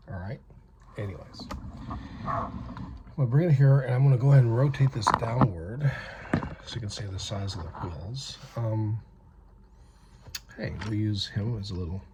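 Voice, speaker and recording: A man's voice: lowish voice, normal speed, long pauses, very noisy. A man from North America giving a rambling, chatty hands-on toy review with self-aware asides.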